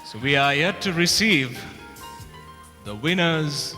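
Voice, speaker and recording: A man hosting a beauty pageant on stage, announcing with a dramatic, drawn-out build-up. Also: fairly high pitch, expressive, over music. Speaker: pageant host. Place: large event hall stage. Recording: reverberant hall, crowd noise.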